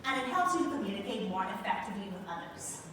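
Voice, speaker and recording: A Bahamian-accented woman who is a motivational speaker and show host gives an emphatic stage speech to a live audience in a large venue, drawing out key words for effect. Her mid-range voice is very animated and fast. The recording sounds distant, noisy, and heavily echoey.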